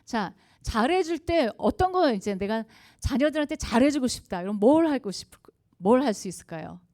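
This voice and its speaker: A woman speaks to a church congregation at a revival service, her tone mellow and warm. She lectures conversationally, spinning anecdotes and often turning to the audience with questions between light laughs. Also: on the high side. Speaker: guest speaker at a revival meeting.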